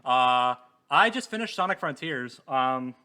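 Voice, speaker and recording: A man hosting a podcast in casual chat, often filling pauses with ums and laughing. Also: medium pitch, expressive, crowd noise. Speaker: podcast host.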